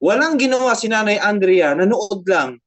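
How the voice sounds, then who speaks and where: A woman's voice: medium pitch, lively intonation, normal speed. A woman pastor with a Filipino accent, preaching a sermon, switching between Tagalog and English, repeating phrases and asking the congregation frequent tag questions.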